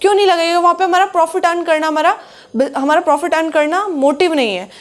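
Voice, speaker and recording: High-voiced woman teaching a commerce lesson. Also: fast talker. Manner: repeats questions to herself and answers them. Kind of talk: classroom lecture.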